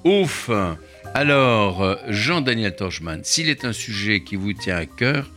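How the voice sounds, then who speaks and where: A man hosting a radio interview, introducing his guest in a measured, ceremonious way. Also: lowish voice, lively intonation, sharp tone, faint music behind. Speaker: radio host.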